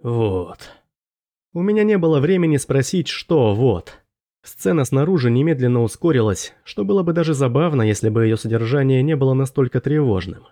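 A man narrating a first-person fantasy audiobook in a measured, steady storytelling manner. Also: medium pitch.

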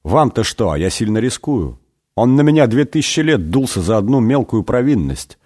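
A man's voice: mid-range voice, very animated, normal speed, darkish tone, pitched above the performer's own voice. A man voicing Judas as a sheepish, money-loving figure who pleads and whines. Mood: conspiratorial. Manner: whiny, pleading.

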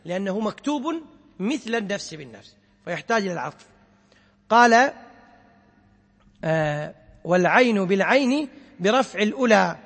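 A man, a sheikh, teaching a class. He quizzes his students and recites quoted verses slowly. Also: high-pitched, expressive, fairly bright tone, slightly rough, big-room sound. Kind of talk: classroom lecture explaining a poem on Quran sciences.

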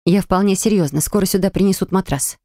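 A woman's voice: medium pitch, fast talker, mellow, dry recording, lightly acted. A woman voicing a blunt, sardonic young tomboy with a dry, cutting manner in audiobook dialogue.

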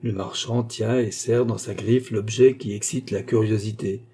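Husky-voiced man reading a classic novel. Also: fairly low pitch, steady tone, moderate pace, dark tone. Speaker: audiobook narrator.

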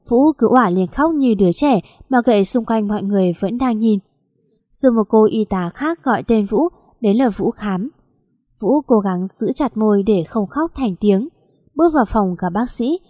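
Audio story narrator: woman, plaintive emotional read, warm and higher pitch, dry. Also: no room sound.

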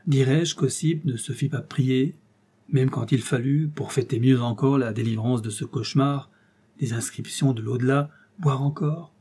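A man narrating a novel as an audiobook in a measured, even storytelling delivery. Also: medium pitch, slightly rough. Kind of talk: scripted literary narration.

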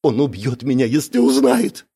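A man's voice: medium pitch, lively intonation, normal speed, a little mellow, slightly rough, voice pushed up. A man doing a tearful, frightened young woman. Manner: pleading, breathless swearing.

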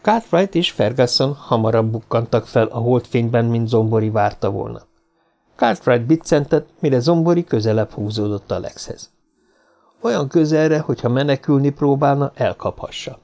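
Gravelly male audiobook narrator. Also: medium pitch, a little mellow. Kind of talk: scripted narration.

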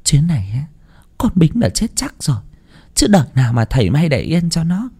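A man voicing a frantic older village wife who begs and wails in a high, sobbing voice. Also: sing-song, normal speed, mellow, husky, exaggerated voice. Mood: hushed urging. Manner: wailing, sobbing, begging.

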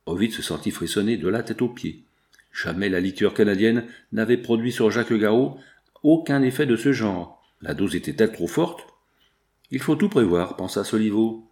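Lowish-voiced guy reading an old novel out loud, steady audiobook narration. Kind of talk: scripted narration of a 19th-century novel.

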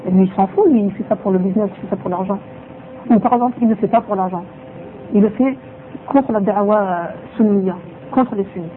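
In this religious lesson, a man with a high-sitting, brisk voice repeats his points for emphasis and uses Arabic phrases along the way. He is a religious teacher. Sound quality is tinny and phone-like, carrying faint noise.

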